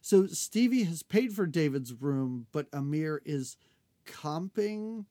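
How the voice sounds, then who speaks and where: A woman co-hosting a podcast, recapping an episode in casual chat, animated, laughing often and acting out characters' lines. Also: low-pitched, slow, no echo, studio quality. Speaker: podcast co-host.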